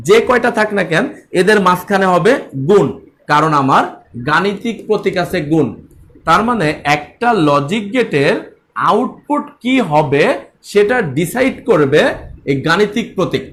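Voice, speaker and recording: A man's voice: high-pitched, expressive, moderate pace, a bit bright. A man teaching an online class in a Bangladeshi Bengali accent, repeating key points and speaking straight to his students.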